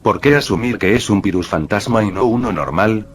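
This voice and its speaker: A man's voice: on the low side, fairly quick, natural voice. A man voicing a shaken, secretive teenage boy in a read-aloud fan story, speaking tensely. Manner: tense, frustrated.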